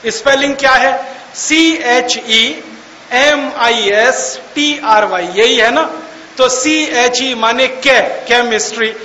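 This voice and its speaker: A man's voice: very high voice, pushed and bright. A man giving a mocking, argumentative public talk, full of rhetorical questions and words spelled out letter by letter. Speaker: public speaker. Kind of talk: lecture to an audience. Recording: echoey hall, faint hiss.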